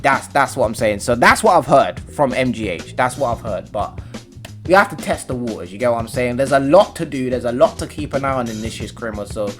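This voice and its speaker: A man's voice: medium pitch, a little fast, soft background music. Rambling young man gaming. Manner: rambling and slangy, with sudden loud excited outbursts. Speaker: gaming YouTuber. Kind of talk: casual game commentary.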